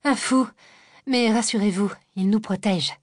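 A woman reading an audiobook voices a haughty young female doctoral student with a high, piercing voice and sharp, sarcastic retorts. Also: measured pace, no echo, clean studio sound, lightly acted. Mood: dry, detached.

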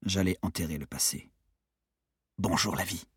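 A man reading a novel aloud as a calm, quiet first-person narrator. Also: sits low, normal speed, breathy edge, no room sound, studio quality. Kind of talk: audiobook narration.

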